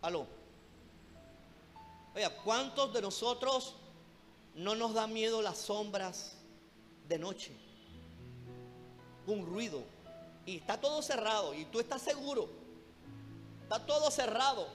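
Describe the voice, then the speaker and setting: Fervent male preacher, rather high voice, long church reverb, background music. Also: lively intonation, slow pace, pauses often, fairly bright tone. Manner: fervent, keeps calling listeners "brother", rhetorical questions. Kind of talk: sermon. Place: church hall.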